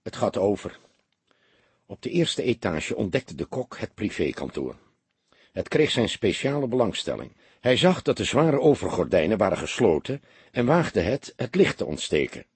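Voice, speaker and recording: A man narrating a detective audiobook in an expressive storytelling manner. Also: fairly low pitch, moderate pace, husky, no room sound.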